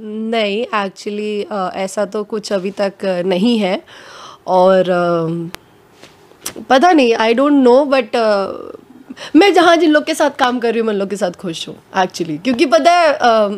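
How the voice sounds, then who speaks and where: A woman actress giving a casual interview at home, talking frankly and a little hoarse from a cold, slipping English phrases into her speech. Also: mid-range voice, animated, slow pace, a little mellow.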